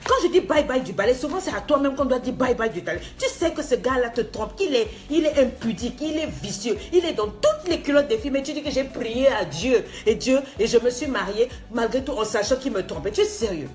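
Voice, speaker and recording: A woman's voice: on the high side, animated, a little fast, few pauses, a little mellow, soft background music. A woman life coach giving a motivational talk, scolding and mocking her listener with laughs, slipping in English phrases.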